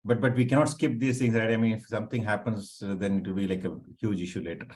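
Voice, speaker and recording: A man explaining things informally on a video call in an online meeting, in a halting, repetitive way. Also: on the low side, fairly even intonation, darkish tone. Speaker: working group participant presenting.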